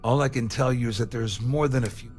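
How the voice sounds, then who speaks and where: A man's voice: mid-range voice, fairly even intonation, fast, darkish tone, lightly acted. Man acting a bitter, vengeful crook, music behind. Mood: wary, bargaining. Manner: slangy, cynical. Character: bitter, vengeful male crook cutting a deal. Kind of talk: video game dialogue acting.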